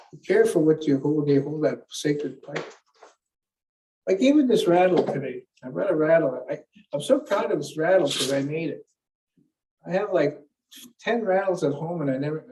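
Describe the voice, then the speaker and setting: A Canadian man, an elder, gives a keynote and teaches earnestly through stories, retelling conversations with many restarts. His voice is fairly high and mellow, picked up from a distance with slight background noise.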